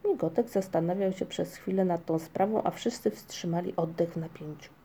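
A woman reads a children's tale aloud at a measured pace. Her voice is very dark and mellow, with a gravelly fry under the words. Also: lowish voice, a little hiss or hum. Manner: measured storytelling. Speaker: audiobook narrator. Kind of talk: scripted narration.

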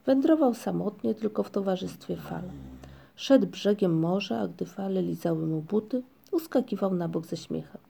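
A woman reads a children's storybook aloud in a gentle, even manner. Her voice is mellow and carries a gravelly texture. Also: mid-range voice. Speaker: narrator. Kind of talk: storybook reading.

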